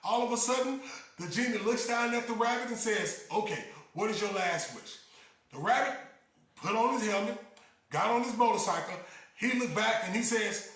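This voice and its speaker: A man telling a joke in an animated, laughing storyteller's manner. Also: very high-pitched, normal speed. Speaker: joke teller. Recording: very echoey room.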